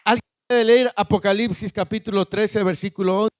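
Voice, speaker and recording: A man preaching a sermon, emphatic, firing rhetorical questions at the congregation and rising to shouts at the peaks. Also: sits high, fairly even intonation, normal speed.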